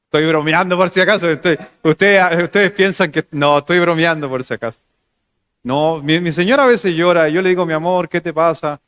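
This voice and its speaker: Male pastor, Chilean accent, slightly high voice, chatty sermon delivery with soft asides. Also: fairly quick, smooth, no echo, clean studio sound. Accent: Chilean Spanish. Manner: conversational preaching with jokes, shifting between loud emphasis and soft low asides.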